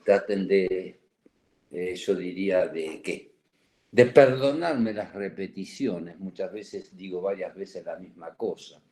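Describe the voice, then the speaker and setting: A man's voice: low-pitched, slow pace, dark tone. A man giving a psychoanalysis seminar lecture, digressive and full of "¿eh?" tag questions, with a cough and an itchy throat.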